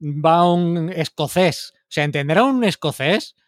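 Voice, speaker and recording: Slangy, argumentative man, slightly high voice. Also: lively intonation, a little slow, no echo, clean studio sound. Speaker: podcast co-host. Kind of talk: casual chat.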